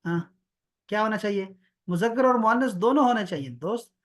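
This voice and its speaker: A man's voice: high voice, a bit bright. A man gives an online Arabic lesson over a video call. He explains patiently and drags out the words he wants the student to repeat. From Pakistan. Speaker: Arabic teacher. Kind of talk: online one-on-one language lesson.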